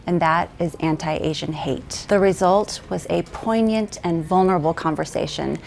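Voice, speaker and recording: An American woman reporter who narrates in a measured, earnest way and asks interview questions. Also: fairly low pitch, creaky, a little mellow, a little hiss or hum. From United States.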